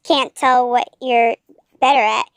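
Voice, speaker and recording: A woman's voice: on the high side, steady tone, a little slow, clear, resonant tone, no room sound. A woman voicing a sullen, jealous young man in a fan story, with snappy, resentful comebacks.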